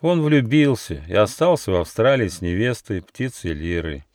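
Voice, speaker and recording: A small, gentle gnome from a storybook, answering politely and earnestly in a soft, slightly raised voice, as a man puts him on. He sounds sincere rather than bold. The sound is close and dry. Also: fairly low pitch, sing-song, normal speed, dry recording.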